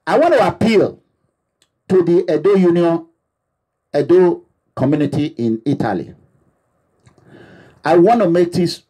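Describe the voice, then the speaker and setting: A Nigerian man heading an activist cause speaks to his supporters abroad in an impassioned, preaching style full of repetition. The voice is a little high, mellow and husky.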